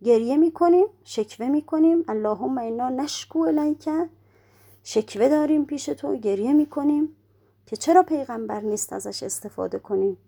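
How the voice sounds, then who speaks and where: A woman with a high, dark-toned voice and vocal fry delivers a religious lecture with animation. She explains step by step, asks rhetorical questions and answers them herself, and slows down to recite prayer quotations.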